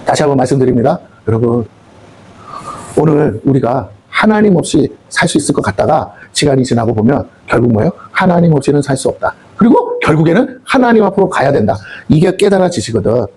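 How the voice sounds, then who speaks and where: A man's voice: fairly high pitch, sing-song, a little fast, darkish tone, breathy edge. A man pastor preaching a fervent sermon in a church, often tossing questions back to the congregation.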